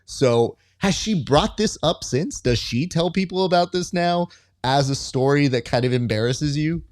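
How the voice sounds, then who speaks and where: A man's voice: on the high side, lively intonation, moderate pace. A man hosting an interview, asking questions in a chatty, joking way. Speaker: podcast host, interviewer. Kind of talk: conversational interview.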